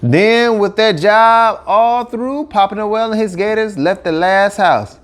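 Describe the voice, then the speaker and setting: His high, smooth voice moves slowly as he narrates a children's story for an audiobook. He uses a Cajun accent and tells it in a colloquial, folksy way with lively dialect.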